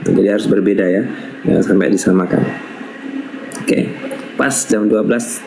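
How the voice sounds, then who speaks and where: A man teaching a live Quran recitation lesson, patiently repeating syllables slowly as models for students to copy. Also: low voice, fairly even intonation, creaky, dark tone, a little hiss or hum, poor audio.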